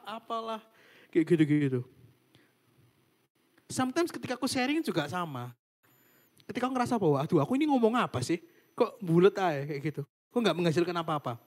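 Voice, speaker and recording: A young man giving a casual devotional sermon over a video call, chatty and informal, often trailing off with fillers. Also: sits high. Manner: chatty, fillers and english words. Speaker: youth devotional speaker.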